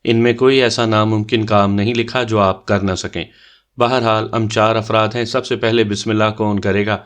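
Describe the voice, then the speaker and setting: A playful young man who loves to tease, with a low, easygoing voice, running a game for his cousins in an audio love story. His lines are full of mock-formal banter and mischief. A man acts him out as he reads. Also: level tone, lightly acted. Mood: teasing.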